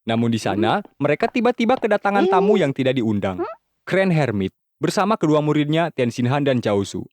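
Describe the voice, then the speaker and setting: A man narrating a story in a steady, expressive retelling, closing with a goodnight. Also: fairly high pitch, brisk, dry recording.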